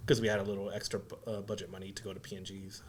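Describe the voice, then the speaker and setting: A young man on a podcast, reminiscing in an animated, rambling way with many restarts. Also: sits low, racing, slight background noise. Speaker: podcast guest and graphic designer. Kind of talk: casual chat.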